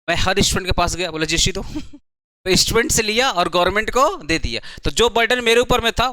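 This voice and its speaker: A man teaching a commerce tax class at a coaching centre, chatty and speaking slowly, often repeating his questions to the students. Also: high voice, bright, forceful tone, no echo. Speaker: commerce tutor. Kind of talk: classroom lecture.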